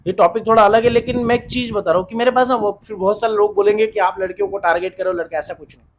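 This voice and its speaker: A man talks fast and keeps going, giving relationship advice in an earnest, insistent way. He circles back over the same points again and again. His voice sits high, and there is a faint hiss of noise behind him. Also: steady tone. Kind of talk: casual advice monologue.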